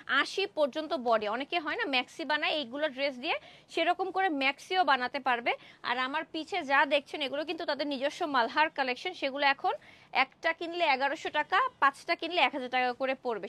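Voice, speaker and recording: A young woman from Bangladesh hosting a live-stream clothing sale, chatty and excited, exclaiming over dresses in an indoor showroom. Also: high-pitched. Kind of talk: Facebook live sales pitch.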